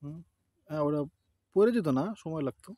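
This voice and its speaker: A man chatting quickly to camera in a village garden, often giving thanks to God as he shows his crops. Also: fairly high pitch, mellow, no echo. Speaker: village life vlogger. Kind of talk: casual vlog chat to camera.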